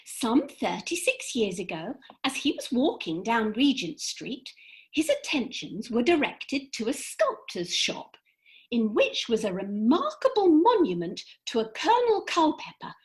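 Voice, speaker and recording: This high-voiced woman voices a haughty fairy in a comedic radio play, her pitch swinging hugely and dramatically as she lectures. She delivers brisk, exact, theatrical lines in a lofty, lecturing mood.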